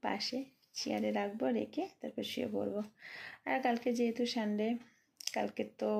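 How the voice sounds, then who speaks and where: A woman in her thirties with a Bengali accent talks softly in a late-night vlog from her bedroom. She sounds sleepy and worn out, and keeps her voice low so the household stays asleep. Her tone is gravelly and flat, with very little rise and fall. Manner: speaking softly and quietly so as not to wake the household. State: sleepy and tired. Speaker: vlogger.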